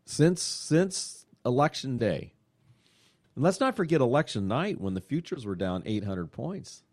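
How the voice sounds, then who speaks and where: A man hosting a radio show, chatting in a casual way, excitable and full of fillers. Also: mid-range voice, a little slow, no room sound, clean studio sound. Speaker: radio show host and money manager.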